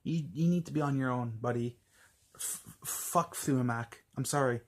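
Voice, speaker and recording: A man's voice: mid-range voice, normal speed. A man ranting casually to camera in a vlog, angry, rambling with many fillers, restarts and swear words. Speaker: vlogger.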